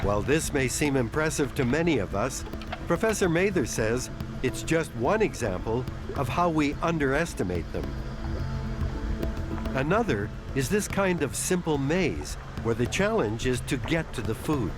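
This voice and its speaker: A man's voice: medium pitch, very animated, moderate pace. A man reading scripted narration for a nature documentary. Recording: music behind the voice. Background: music.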